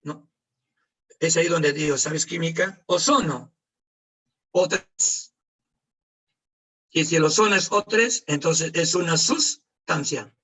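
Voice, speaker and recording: A man's voice: a little high, takes it slowly, long pauses, slightly rough, distant mic, rough recording. Man teaching chemistry online. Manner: lively, asks questions and answers them himself, joking asides. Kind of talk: online class lecture. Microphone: computer mic on a video call.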